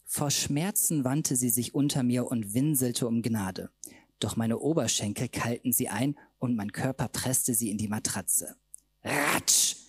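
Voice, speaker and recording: A man's voice: medium pitch, unhurried, a little mellow, slightly rough, no room sound. A man reading aloud from his own comic novel at a literature festival, camp and mocking in tone.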